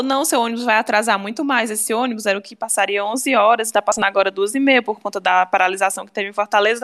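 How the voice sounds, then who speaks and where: A young woman with a Cearense Brazilian accent, telling a story in casual chat and acting out the dialogue. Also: on the high side. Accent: Cearense Brazilian Portuguese. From Ceará, Brazil. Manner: animated, acts out dialogue, fast. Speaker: storyteller guest.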